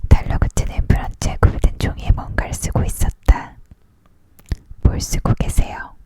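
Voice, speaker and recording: A person leaning in to whisper a storybook aloud as a whispered ASMR reading, entirely unvoiced. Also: moderate pace. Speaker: audiobook reader.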